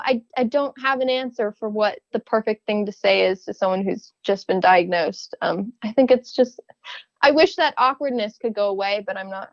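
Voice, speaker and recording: A young woman guest in a casual interview, speaking thoughtfully with frequent restarts and small soft laughs. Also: medium pitch, no echo, muffled recording. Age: young adult.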